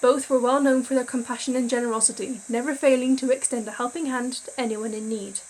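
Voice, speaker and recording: A tired young woman reads a game's eerie backstory aloud, chatting between passages. She trips over words and laughs them off in a slightly high voice. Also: fairly even intonation, fast talker, a little mellow, rough recording. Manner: chatty, self-deprecating, stumbles over words while reading. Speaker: gaming video creator. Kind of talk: reading a visual novel aloud, casual commentary.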